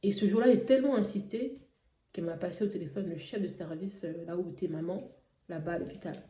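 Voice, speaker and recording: Woman, warm mellow voice, heartfelt hesitant testimony, roomy slightly dull recording. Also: lowish voice, fairly quick. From Africa. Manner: emotional, hesitant, many fillers and restarts. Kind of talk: personal testimony.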